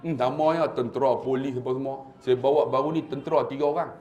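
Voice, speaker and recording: A man's voice: medium pitch, steady tone, fast, darkish tone, reverberant, highs cut off. A man with a Malaysian Malay accent giving a humorous religious lecture, acting out the people in his stories. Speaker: religious preacher. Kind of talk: lively religious lecture with storytelling.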